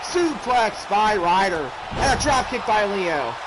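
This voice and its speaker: High-voiced man calling wrestling, exclamatory. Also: big pitch swings, slow. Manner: exclamatory, often shouting out moves. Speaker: wrestling commentator. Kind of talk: excited play-by-play wrestling commentary. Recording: clearly noisy background.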